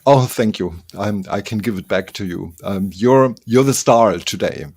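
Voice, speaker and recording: A man's voice: fairly low pitch, animated, normal speed, a little mellow, no echo. A man from Germany with a German accent, hosting a casual interview show in English and chatting in a friendly, slightly nervous way with frequent restarts. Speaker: host.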